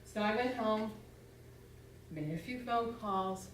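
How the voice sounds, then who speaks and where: A woman's voice: mid-range voice, slow pace, a little hiss or hum. A woman in her sixties gives a humorous personal testimony to a church audience, acting out her own past words. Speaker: church speaker. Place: church sanctuary. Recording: echoey church hall from far off.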